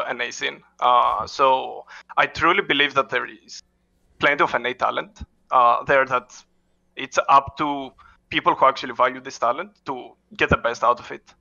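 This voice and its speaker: A head coach, a man with a gravelly yet bright voice at medium pitch, gives casual answers as an interview guest. His speech is halting, full of "uh" fillers and restarts, with non-native phrasing, and the recording sounds lo-fi.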